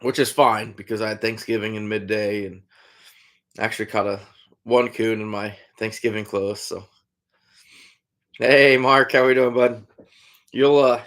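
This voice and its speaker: A man chatting casually on a live stream, answering viewers in a laid-back way. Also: lowish voice. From Iowa, USA. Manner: laid-back, calls chatters "buddy", trails off with "I don't know". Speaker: trapper hosting a live stream.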